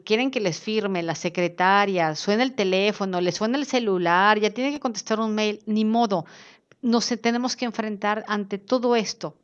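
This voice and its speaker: A woman teaches an online class. She talks in a lively way and slips into other voices to act out the people she quotes. The recording sounds dull and lo-fi. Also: medium pitch. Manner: lively, acts out quoted speakers in changed voices.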